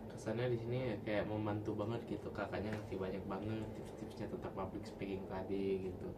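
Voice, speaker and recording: A man's voice: lowish voice, flat delivery, a little fast. A young man giving casual, chatty feedback as a participant in group counselling. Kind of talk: casual chat. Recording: very noisy, distant microphone.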